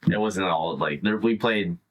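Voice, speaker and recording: A man's voice: low-pitched, moderate pace. A man in a band, chatting casually and easily with bandmates. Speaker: band member. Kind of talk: casual group chat.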